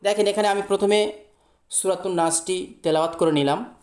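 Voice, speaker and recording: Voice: mid-range voice, fairly even intonation, a little fast, darkish tone, echoey room. A Quran teacher who patiently spells out each letter and vowel, explaining step by step and drawing out the vowels when reciting.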